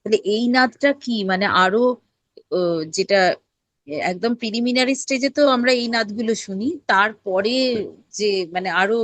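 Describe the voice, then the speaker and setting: A woman's voice: a little high, moderate pace, long pauses, no room sound. A woman, a disciple, respectfully asks her teacher a question and struggles to find the right words. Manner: hesitant, searching for words.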